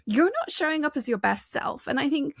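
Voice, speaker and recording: A woman's voice: high-pitched, brisk, vocal fry, no echo, clean studio sound. A woman executive coach speaking as a guest on a podcast, explaining ideas energetically and emphatically. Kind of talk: interview conversation, explaining a framework.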